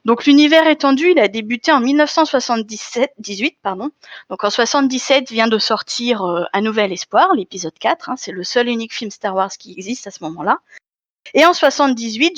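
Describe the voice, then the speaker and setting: A woman's voice: a little high, lively intonation, brisk, a bit bright, no echo, muffled recording. A woman giving a conference talk from slides, explaining step by step with fillers and self-corrections. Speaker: conference speaker. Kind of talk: live lecture with slides.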